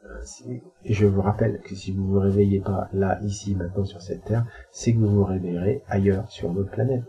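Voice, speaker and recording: Male spiritual speaker, low pitch, colloquial and halting, muffled recording. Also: fairly even intonation, warm tone. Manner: hesitant and colloquial, with frequent filler sounds. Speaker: spiritual speaker answering questions. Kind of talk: casual spiritual teaching talk.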